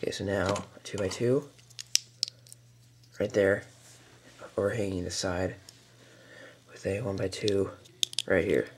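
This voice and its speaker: A toy building tutorial maker with a very deep voice sits at a table indoors and casually walks through a build step by step, relaxed and halting, full of fillers, pauses, and mild mutters. A camera mic captures it with clear background hiss.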